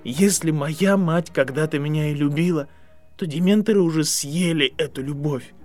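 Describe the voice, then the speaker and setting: Guy doing a high shaky desperate kid, loud and raw, soft music under it. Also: normal speed, close to an everyday voice. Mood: bitter. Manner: pleading, shouting, trembling voice. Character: desperate boy, son of prisoners.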